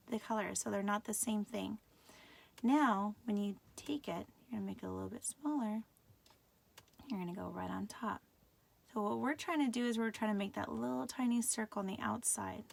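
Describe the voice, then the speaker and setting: Gravelly-voiced woman teaching a craft class. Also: on the high side. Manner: patient, checks in with viewers often. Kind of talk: live class tutorial.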